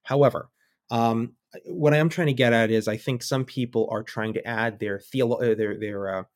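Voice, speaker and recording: A man speaks as a guest analyst in a relaxed podcast interview, his voice sitting at an ordinary middle pitch. He thinks aloud and drops wry asides and quick mock voices into his points. The recording is close and dry, with no room sound. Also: no echo. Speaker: guest analyst on militia groups.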